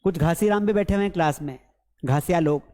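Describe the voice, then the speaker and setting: An Indian man with a Hindi accent, teaching a live English class, drilling pronunciation again and again in a lively way. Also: a little high, fast, long reverb tail. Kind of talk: live online class lecture.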